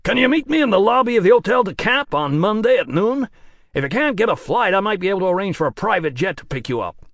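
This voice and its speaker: A man's voice: high voice, big pitch swings, quick pace, gravelly, fairly bright tone, no room sound, voice pushed up, full character voice. A man voicing a brusque, powerful middle-aged film producer who talks in clipped, commanding phrases in an audiobook. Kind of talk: audiobook character voice.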